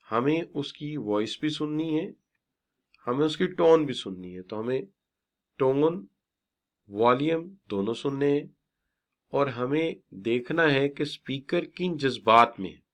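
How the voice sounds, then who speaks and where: A middle-aged male lecturer teaches at an unhurried pace. His pitch rises and falls widely as he stresses and stretches key words. He drops English terms into his lesson and praises students often. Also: expressive. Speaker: business communication teacher. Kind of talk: classroom lecture.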